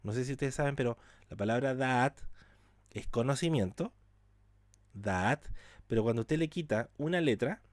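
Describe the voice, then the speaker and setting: Male scripture teacher, mid-pitched, theatrical when quoting, talks straight to his students; dry, close recording. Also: moderate pace, long pauses, no room sound. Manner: asks rhetorical questions and addresses the class directly; acts out quoted speech dramatically. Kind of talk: lecture on scripture.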